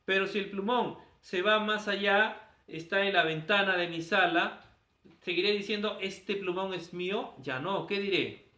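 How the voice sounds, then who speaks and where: Unhurried and high, with a pushed, bright quality, a man's voice carries from a distance in an echoey classroom. He is teaching grammar, quizzing students with questions he answers on his own.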